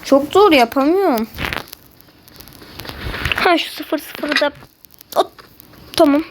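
Woman, gameplay commentary, high voice, unhurried delivery, excitable, game noise behind. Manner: excitable, frustrated outbursts, swearing at opponents. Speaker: gamer.

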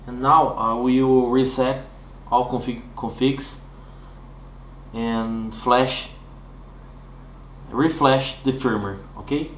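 Checking in with "okay?" again and again, a Brazilian man with a Brazilian Portuguese accent explains his hardware setup in halting, "uh"-filled English. He's a hobbyist giving a tutorial walkthrough at a desk indoors. His pitch is medium, and the recording carries a little hiss or hum.

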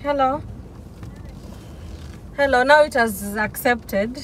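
A woman's voice: high-pitched, slow pace, a little hiss or hum. A young adult woman with a Kenyan accent chatting casually in a car, switching between English and Swahili. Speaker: prankster vlogger. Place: inside a car. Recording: music behind in-car recording.

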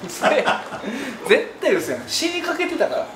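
Male, Kansai accent, animated casual banter, echoing room with clear background noise. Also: very high voice, a little slow. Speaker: comedian hosting a challenge video. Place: bare indoor studio room. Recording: roomy, distant mic, clear background noise.

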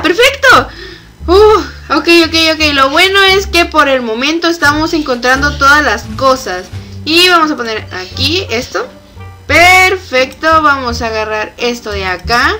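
A young woman giving let's-play commentary on a game, excitable, shrieking and laughing when chased. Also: high-pitched. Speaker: gamer.

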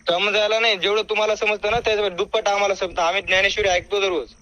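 A high, very piercing male voice comes over a phone line. He argues quickly and insistently, cutting in and pressing confrontational questions. The sound is dry and close. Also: level tone, bright, forceful tone, no room sound. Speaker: caller confronting the other man. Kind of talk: heated argument on a phone call. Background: voice on a phone call.

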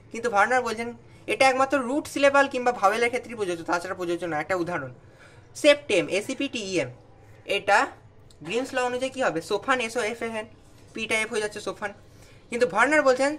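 A man's voice: sits high, bright, forceful tone. A young man with a Bengali accent giving an exam revision lesson, explaining terms and checking that students follow. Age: young adult. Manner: explains terms then asks students "understand?". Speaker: tutor.

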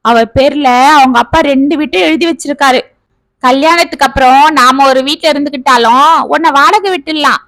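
A woman voicing a money-minded, domineering mother in a family storybook tale, sharp-tongued and scornful. Her voice is high and heard close and dry. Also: normal speed, no room sound, low-quality recording. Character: greedy, domineering middle-aged village mother.

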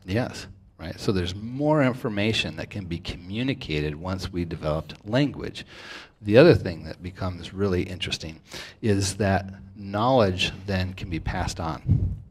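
A man hosting a studio talk show, explaining ideas at length in a steady lecturing manner at a table mic. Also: sits low, a little slow, breathy edge. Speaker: host. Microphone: stand mic at table.

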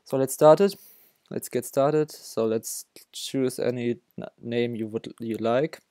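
A young German man with a German accent narrates a coding tutorial over his screen, his mid-range voice warm. The sound is clean studio audio with no room sound. As the developer tutorial host, he speaks haltingly, often stopping to restart sentences and correct himself.

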